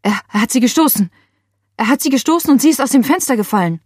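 Frightened young woman, voiced by a female reader, stammering, breathless, husky, dry audiobook sound. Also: mid-range voice, normal speed, darkish tone, no echo, lightly acted. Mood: frantic. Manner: breathless, stammering under shock.

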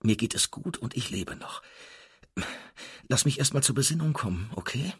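A man voicing a stubborn young woman motorcyclist after a crash, speaking gruffly and snapping back. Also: mid-range voice, animated, moderate pace, fairly bright tone, pitched above the performer's own voice.

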